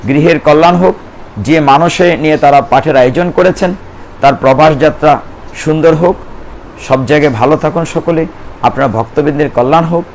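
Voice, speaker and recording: A man's voice: a little high, normal speed, slight background noise, poor audio. A man giving a devotional sermon on scripture to a gathering, earnestly addressing his listeners. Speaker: Gita preacher.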